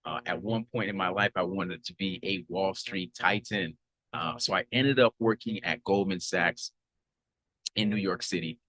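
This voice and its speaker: A man in his thirties who is from Haiti and grew up in Florida hosts a podcast and introduces himself in an upbeat, earnest way. His low-pitched voice comes at a normal speed on a low-quality recording, with frequent fillers and restarts.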